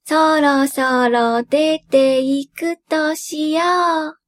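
A woman voicing an old male poverty god who speaks slowly and softly in old-fashioned, rustic speech. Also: high-pitched, steady tone, faint music behind, voice pushed up. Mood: kindly.

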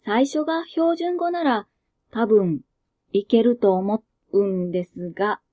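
Woman, Kansai accent, slow, mellow and dark tone, soft self-mocking storyteller. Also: fairly high pitch. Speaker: narrator and host of a reading channel. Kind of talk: reading flash fiction aloud, then casual chat.

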